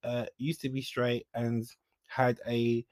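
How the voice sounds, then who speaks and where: A young man hosts a podcast on his own, speaking in a frank, confiding way with sudden bursts of emphasis. His voice sits at an ordinary male pitch. The sound is dry and close, with no room echo. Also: monotone, takes it slowly, darkish tone. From Jamaica. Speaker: podcast host. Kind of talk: candid solo podcast monologue.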